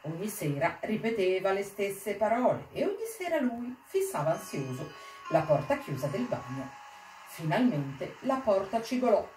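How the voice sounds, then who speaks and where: A woman reading a literary story aloud in an expressive, measured way at a library event. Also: mid-range voice, roomy sound, recorded from a distance, music in the background, rough recording. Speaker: reader.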